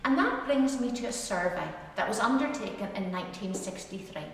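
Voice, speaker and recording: A woman's voice: medium pitch, lively intonation, a little fast, slight background noise. A woman with an Ulster Scots accent from Northern Ireland gives an informal talk explaining dialect words, chatting and putting questions to her listeners. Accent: Ulster Scots, Northern Irish. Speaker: presenter teaching dialect words. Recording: very echoey hall, distant microphone.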